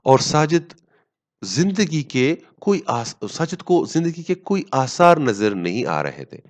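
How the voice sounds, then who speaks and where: A man teaching a story as a lesson, reading each English line slowly and then explaining it at length with pauses and fillers. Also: a little high, very animated. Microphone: voice-over on slides.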